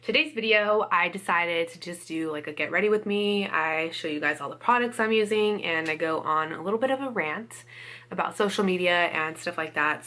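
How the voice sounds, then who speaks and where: Still a little stuffed up from a cold, a woman talks through her makeup routine in a relaxed get-ready-with-me chat, saying "like" and "you guys" a lot. She's a beauty vlogger with a lowish voice that comes across pushed and bright.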